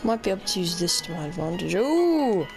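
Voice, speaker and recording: A woman's voice: mid-range voice, sing-song, brisk, creaky. A woman with a British accent commentating on her gameplay as an exasperated, exclaiming raging gamer. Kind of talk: gaming commentary. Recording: game music behind the voice. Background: loud video game music.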